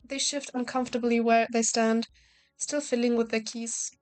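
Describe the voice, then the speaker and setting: A woman's voice: fairly high pitch, flat delivery, normal speed, darkish tone, clean tone, soft background music. A woman playing a visual novel, reading the text aloud and adding casual, joking commentary. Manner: casual, joking, swears and laughs at herself.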